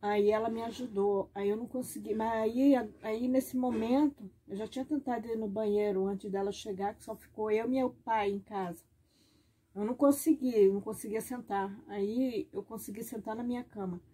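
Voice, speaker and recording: A woman's voice: fairly high pitch, steady tone, normal speed, dark tone, slight background noise. A woman recording a personal testimony in her bedroom at home, retelling events in a rambling, repetitive, emotional way. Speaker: vlogger.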